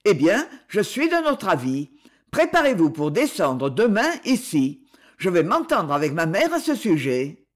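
A woman's voice: on the low side, big pitch swings, a little slow. A woman reading the part of a stern young nobleman who speaks firmly, coldly and with irony. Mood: stern commanding. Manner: firm, cold, ironic.

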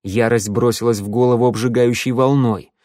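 A male audiobook narrator reading in a steady, even storytelling voice. He sits close to the microphone. The sound is dry, with no room echo. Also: medium pitch, brisk. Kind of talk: scripted narration.

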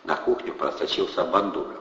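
Low-voiced man narrating a story. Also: fairly even intonation, a little fast, a bit bright, roomy sound, in a large hall, dull audio. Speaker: audiobook narrator. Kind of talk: scripted narration.

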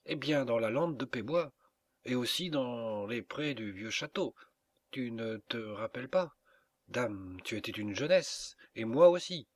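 Un jeune campagnard candide et solennel, lu par un homme. Le ton est appliqué, lent et un peu pompeux, enregistré de près dans une pièce sans écho. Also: male voice, medium pitch, expressive, measured pace, no echo. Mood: earnest. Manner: earnest, solemn, naive. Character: naive earnest young country man.

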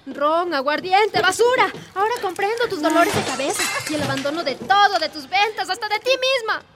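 Radio drama role: an upset eldest daughter confronting her drinking mother, sharp and reproachful, very high pitch, background noise. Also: animated, a little fast. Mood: scolding. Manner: scolding, accusing.

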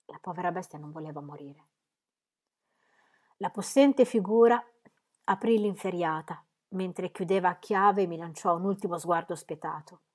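Woman reading an audiobook in first person, soft and intimate, goes quiet and low at times. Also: normal speed. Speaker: audiobook reader.

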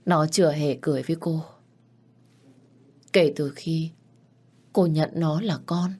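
A woman's voice: low voice, fairly even intonation, measured pace, warm tone, slightly rough. A woman voicing a weary older mother who gives grave advice.

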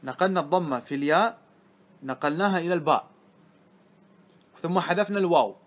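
High-voiced male grammar teacher. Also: fast. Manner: explains step by step, often checking understanding with the class. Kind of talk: classroom lesson on grammar.

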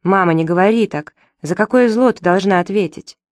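A woman's voice: fairly low pitch, normal speed, a little mellow, no echo, clean studio sound, close to an everyday voice. A woman reading the part of a desperate young man who pleads urgently with his mother. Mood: pleading.

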